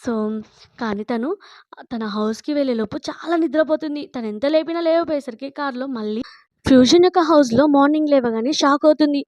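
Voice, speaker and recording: Woman storyteller, casual drama recap, chatty, high and quick. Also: a little mellow, dry recording. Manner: chatty, strings events together with "so" and "then". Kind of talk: casual retelling of a romance drama plot.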